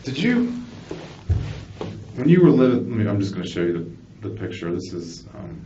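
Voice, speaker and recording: A police detective interviews a suspect in an indoor interview room, questioning haltingly, repeating himself and acknowledging often. His voice is on the low side, sing-song and dark in tone. A distant room microphone picks it up, leaving the recording muffled and noisy.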